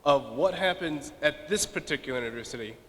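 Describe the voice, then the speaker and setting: Talking a little fast in an animated, fairly bright, slightly high voice, this young man, a student from Las Vegas, Nevada, pokes fun at himself with humorous asides while addressing donors. The hall around him is reverberant.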